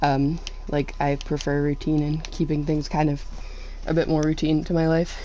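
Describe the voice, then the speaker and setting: A woman's voice: low-pitched, level tone, normal speed, warm tone, a little hiss or hum, rough recording. A woman streamer, out of breath, ranting casually to her chat on a headset mic and acting out quotes as she tells a story.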